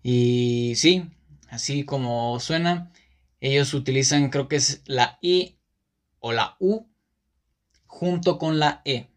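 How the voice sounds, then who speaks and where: A man's voice: mid-range voice, takes it slowly, pauses often. A man with a Mexican Spanish accent hosting a casual monologue podcast, rambling and often correcting himself with many fillers. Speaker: podcast host.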